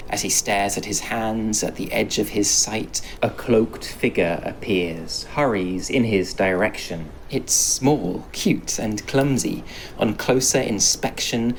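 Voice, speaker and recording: A man narrating a rhyming storybook tale in a slow, measured way. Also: on the low side, slight background noise, rough recording.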